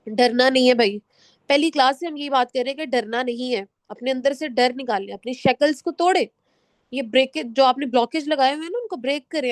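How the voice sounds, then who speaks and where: A woman with a Pakistani accent teaching a spoken English class, mixing Urdu with English and reading slide points slowly and firmly. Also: sits high, dry recording. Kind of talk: online class lecture.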